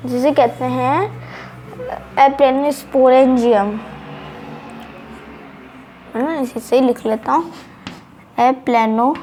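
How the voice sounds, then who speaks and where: Woman teacher, high voice, unhurried delivery, drills each term by repeating it. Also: warm tone, a little hiss or hum. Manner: repeats key terms slowly, drilling pronunciation. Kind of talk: casual online lesson.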